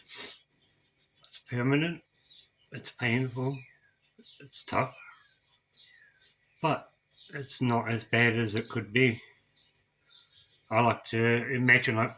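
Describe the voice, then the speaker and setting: Middle-aged man, tearful vlog confession, halting delivery, bright tone, faint background noise. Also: medium pitch, steady tone. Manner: emotional, tearful, halting with repeated words. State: crying. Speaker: vlogger. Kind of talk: personal story to camera.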